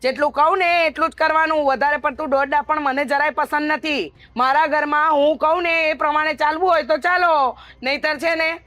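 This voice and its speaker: A woman acting out a domineering middle-aged mother-in-law in a family drama, scolding loudly and mocking at every turn. Her voice sits high and bright with a sharp edge. It is recorded close and dry, without echo. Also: fairly even intonation, fairly quick.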